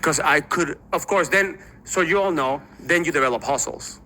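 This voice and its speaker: A man telling prison stories in casual conversation, animated and acting out other people's lines. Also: fairly high pitch, normal speed, slight background noise, rough recording. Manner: animated, acts out voices in anecdotes, swears casually. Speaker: former inmate guest. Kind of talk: casual storytelling chat.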